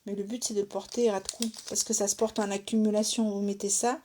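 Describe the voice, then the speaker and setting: Chatty middle-aged woman, mellow voice. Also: medium pitch, little pitch movement, fast, slight background noise. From France. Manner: chatty, asks "d'accord?" often, thinks aloud with fillers. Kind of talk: casual live crafting tutorial.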